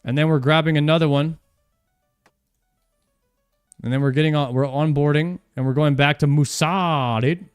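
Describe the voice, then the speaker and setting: A young man with a higher, steady, clean voice streams a game at normal speed, pausing often. In a dry studio recording with faint music behind him, he jokes and chats casually as he plays, often repeating himself mid-sentence.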